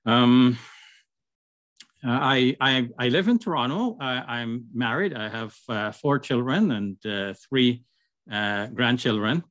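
Older man from Guyana, halting guest on a video call, dry sound. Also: mid-range voice, fairly bright tone, dry recording. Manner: hesitant, many fillers and restarts. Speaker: guest, Islamic scholar. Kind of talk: casual interview over video call.

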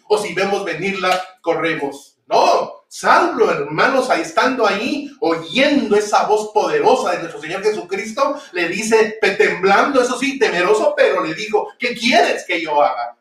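A man's voice: sits high, fairly bright tone. A man preaching a sermon, speaking emphatically and asking rhetorical questions that he answers himself. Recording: echoey room from far off.

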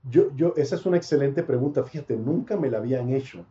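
A man's voice: mid-range voice, quick pace, warm tone. A man from Panama, a sports commentator, chatting reflectively in an interview and laughing often. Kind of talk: casual interview chat. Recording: dull lo-fi sound in an echoey room.

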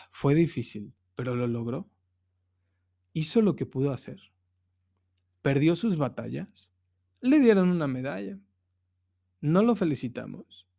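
A man's voice: on the high side, warm tone. A man hosting a spiritual self-help podcast, telling a personal story earnestly with emphatic repetitions. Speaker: podcast host.

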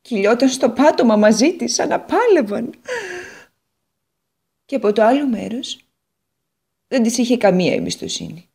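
A woman's voice: mid-range voice, expressive, pauses often, warm tone, voice pushed up. Woman voicing a proud, sighing storybook guitar. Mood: bitter. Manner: sighing and bitter. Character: proud, wistful old female guitar. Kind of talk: storybook radio reading.

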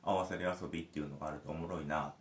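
A man's voice: a bass voice, fairly even intonation, racing, a crowd in the background. A man who is a parent, telling a rambling story with many fillers in casual podcast chat. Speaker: podcast host. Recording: roomy echo.

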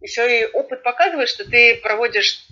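Bright-voiced woman, muffled line. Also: on the high side, a little fast. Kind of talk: casual chat.

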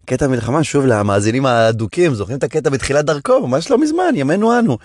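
A man, a stand-up comedian hosting his podcast, talking in a rambling, animated casual monologue with many restarts. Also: mid-range voice, dry recording, clean studio sound.

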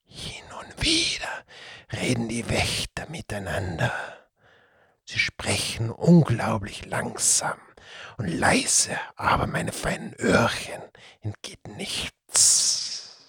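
A man voicing a sly male Tatzelwurm, a cat-headed serpent creature in a told fairy tale, speaking in a slow hissing whisper. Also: fairly low pitch, wildly swooping pitch, creaky, a bit bright, husky, no echo, heavily acted.

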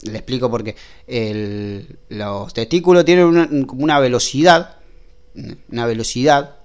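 Brief: a man as a fumbling Argentine doctor, comic sketch, stalls on fillers, mid-pitched male voice. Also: smooth, close to an everyday voice. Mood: earnest. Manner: halting, full of filler sounds and restarts. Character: hesitant male doctor explaining odd treatments.

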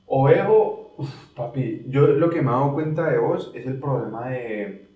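A young man talks through dating troubles in loose, slangy banter, his pitch sitting right in the middle. He makes his points with examples. The sound is roomy, picked up from some distance off the mic. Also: animated, unhurried, narrow, tinny audio. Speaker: podcast co-host. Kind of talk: casual chat.

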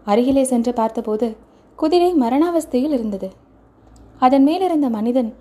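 A woman's voice: sits high, dark tone. A woman voicing a fierce skull-cult hermit woman with a hard, harsh voice in a storybook reading.

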